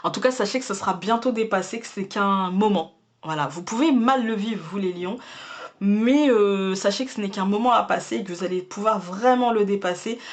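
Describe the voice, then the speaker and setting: A woman in an easygoing tarot reading, talking to her viewers at an ordinary, mid-range pitch. She pauses often, repeats words and fills the gaps with little hums, and she keeps a chatty, reassuring tone. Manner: hesitant, many fillers and repeated words. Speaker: tarot card reader. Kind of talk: casual monthly tarot reading to camera.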